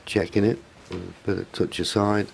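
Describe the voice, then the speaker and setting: A man giving live snooker commentary in a hushed, measured delivery. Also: lowish voice, level tone. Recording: clear crowd and hall noise. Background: snooker audience, ball clicks.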